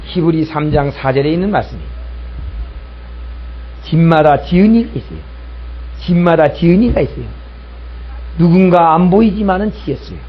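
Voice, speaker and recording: A man's voice: on the high side, lively intonation, normal speed, pauses often, slightly rough, lo-fi sound. A male pastor preaching a sermon, telling a story and acting out both sides of an argument, repeating key lines for emphasis.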